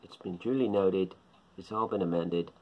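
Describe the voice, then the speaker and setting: This middle-aged man, a shortwave radio vlogger, chats to camera in a small living room using a nearby phone or webcam. His voice sits low at a moderate pace, and the recording sounds muffled. He rambles and muses, often repeating himself.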